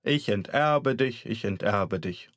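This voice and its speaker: A man's voice: fairly low pitch, lively intonation, slow, a bit bright, no echo, clean studio sound. A man voicing a furious, sickly old woman who shrieks threats and gasps for breath. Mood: vengeful. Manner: shrieking, gasping.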